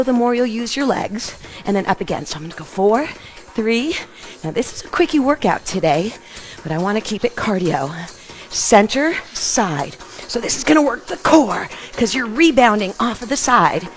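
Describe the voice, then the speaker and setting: Energetic woman aerobics instructor over music. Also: fairly high pitch. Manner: energetic, encouraging, short punchy commands while exercising. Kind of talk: aerobics instructor calling out workout cues. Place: open living room at home, indoors.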